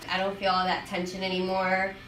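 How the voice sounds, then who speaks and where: A woman's voice: medium pitch, monotone, a little fast, fairly bright tone. A woman who is a chiropractic patient, giving brief, casual replies during treatment. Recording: echoey room, far from mic, faint music.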